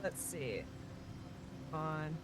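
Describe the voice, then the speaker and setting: A woman hosts a co-op game stream, chatting casually and thanking viewers with upbeat sign-offs. Her voice sits low and sounds animated, though she speaks very slowly, with a little hiss or hum in the recording.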